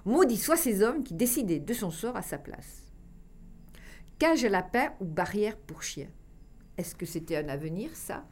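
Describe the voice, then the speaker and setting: A woman reading a children's tale aloud, expressive and dropping to a hush for dramatic passages. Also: medium pitch, unhurried. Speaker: storyteller.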